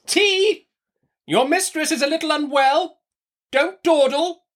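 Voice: medium pitch, sing-song, moderate pace, fairly bright tone, voice pushed up. A narrator voicing a brusque, imperious older great-aunt in an audiobook, emphatic and commanding.

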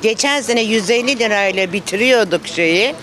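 A woman's voice: mid-range voice, animated, normal speed, a bit bright. A woman shopping at an outdoor street market, answering a street interview in an exasperated, complaining way. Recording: busy outdoor market crowd noise.

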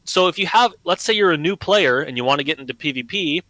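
A man's voice: fairly high pitch, expressive, quick pace, pushed and bright, no echo, poor audio. A man on a gaming podcast, emphatic, building his points and checking in with listeners. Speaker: podcast guest. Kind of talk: casual gaming discussion.

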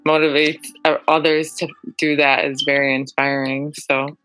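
A young woman hosts a podcast in a casual, friendly way, laughing often and scattering "um" through her questions. Her voice sits low for a woman but has a bright, forward edge. Soft music plays faintly behind her. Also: level tone, moderate pace, clear, resonant tone, no room sound, poor audio. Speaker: podcast host. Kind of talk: casual interview chat.

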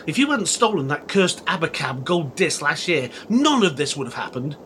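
A man's voice: on the high side, very animated, moderate pace, a bit bright, a little hiss or hum. A man playing an exasperated, bossy thief scolding a partner in a comedy sketch. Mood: scolding, conspiratorial. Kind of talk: comedy audio sketch acting.

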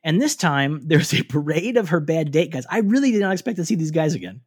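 A man's voice: on the high side, sing-song, a little fast, breathy edge. A man co-hosting a casual podcast, recapping a TV episode in a chatty way with frequent fillers and restarts. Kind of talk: casual chat.

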